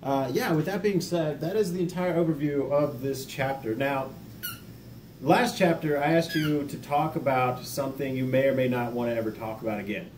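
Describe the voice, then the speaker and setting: A mid-pitched army veteran, darkish in tone and speaking at normal speed, hosts a casual video of self-help lessons, plain and direct with viewers, folksy and given to jokey asides, partly reading a book overview. The recording is rough, with a faint rumbly noise behind him.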